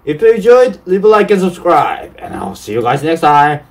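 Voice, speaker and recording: Excitable young gaming host. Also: male voice, a little high, moderate pace, creaky. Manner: excitable, laughing, blurting short exclamations. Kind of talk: casual gaming chat.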